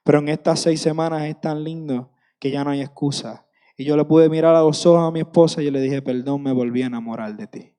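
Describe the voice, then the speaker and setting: A man's voice: a little high, little pitch movement, brisk, dark tone, clean tone, long reverb tail. A man in his thirties preaching a sermon with passion, repeating phrases for emphasis.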